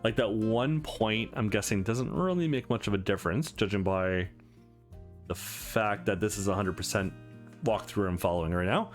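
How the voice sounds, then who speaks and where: A man on a gaming channel hosts a visual novel playthrough, reading the story aloud and adding casual, chatty commentary. His voice is lowish and at a normal speed, with music playing behind him.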